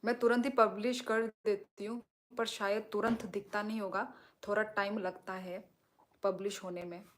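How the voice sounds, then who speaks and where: A woman's voice: medium pitch, level tone, moderate pace. Woman, live stream host, chatty, reassuring, talks straight to viewers. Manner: talks directly to viewers, reassuring and explaining at length. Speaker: livestream host. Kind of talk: live stream chat reading comments.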